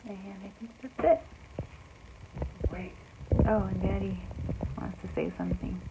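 A middle-aged woman talking casually and haltingly in a home video diary, often trailing off. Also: medium pitch, wildly swooping pitch. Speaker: vlogger. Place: bedroom at home. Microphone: phone at arm's length. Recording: noisy amateur home phone recording.

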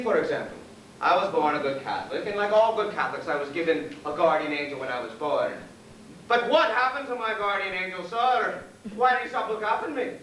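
A fawning, jittery Irish convict hangman, played by an actor on stage, rambles and pleads in a high, bright voice, saying sir at every turn. He sounds distant and echoey in a theater, with a faint hiss. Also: exaggerated voice. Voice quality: wheedling, deferential, endlessly says sir. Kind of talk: live stage play acting.

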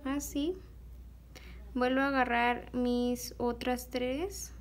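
A young woman giving a slow, patient, step-by-step beadwork tutorial, pausing often on fillers as she works. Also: high voice, fairly even intonation, slight background noise.

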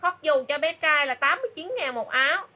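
A woman doing a livestream sales pitch for clothes, chatty and repeating item names and prices again and again. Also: animated, a little fast, sharp tone. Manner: chatty, calls viewers "dear sisters".

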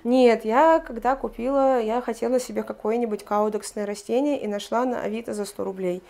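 A woman's voice: a little high, fairly even intonation, brisk, warm tone. A woman chatting casually about her houseplants at home, with lots of fillers and restarts. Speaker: plant collector showing her plants. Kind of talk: casual chat. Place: home, indoors among houseplants.

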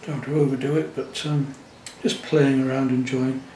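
At normal speed, a man in his studio chats gently and thinks aloud while painting a watercolour at the easel. There's a faint background hum and a noticeable echo around his mid-pitched voice.

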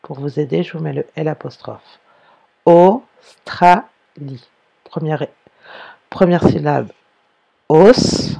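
A woman teacher giving a slow dictation lesson, spelling words out syllable by syllable. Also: low voice, creaky, warm tone, husky.

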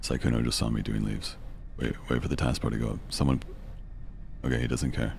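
A man with a gravelly voice chatting casually as he plays an online game. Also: rumbling low, steady tone, a little fast, slight background noise. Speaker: video game player. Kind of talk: casual gaming chat.

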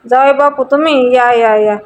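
A woman's voice: high voice, steady tone, normal speed, natural voice. A woman voicing a jovial middle-aged uncle who jokes and teases. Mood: joking. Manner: joking, teasing. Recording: dull lo-fi audio.

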